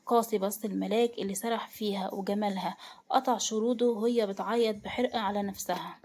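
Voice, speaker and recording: A woman with an Egyptian accent narrating a dramatic romance story in a brisk storytelling manner. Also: medium pitch, fairly even intonation, darkish tone. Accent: Egyptian Arabic.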